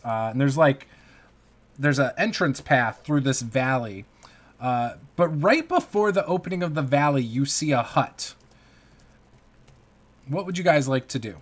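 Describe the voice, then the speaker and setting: A man improvising narration as the game master of a tabletop game, halting and informal as he searches for words. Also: medium pitch, expressive.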